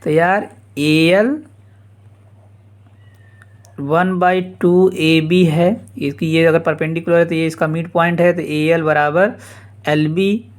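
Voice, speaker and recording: A math teacher with a fairly high, steady voice works through a geometry proof on the blackboard, speaking slowly with long pauses. He keeps it casual, repeating every step and calling his listeners "yaar."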